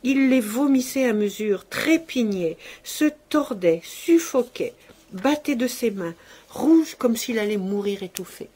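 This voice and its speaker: A woman narrating a classic short story aloud with an expressive, dramatic reading. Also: fairly high pitch, measured pace, slightly rough.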